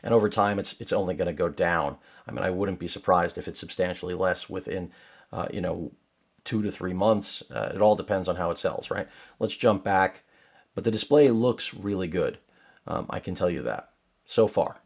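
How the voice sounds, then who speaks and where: A man's voice: deep voice, moderate pace, gravelly. A middle-aged man reviewing a laptop in his home studio, talking casually and wandering off on sarcastic tangents. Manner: rambling, digressive, sarcastic asides. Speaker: tech reviewer. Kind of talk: casual unboxing commentary.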